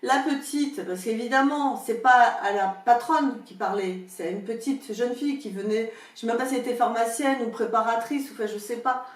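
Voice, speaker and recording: A woman coach and therapist giving casual advice to camera, telling anecdotes with lively storytelling and acting out the people she quotes. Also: fairly high pitch, normal speed, few pauses. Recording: echoey room, voice from a distance.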